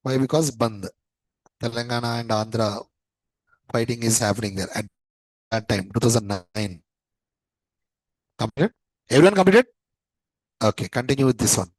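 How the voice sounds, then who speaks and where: A man's voice: medium pitch, fairly even intonation, normal speed, long pauses, dry recording, rough recording. A man in his thirties with an Indian English accent, lecturing a class in a chatty way and often repeating his phrases. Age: 30s. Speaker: teacher.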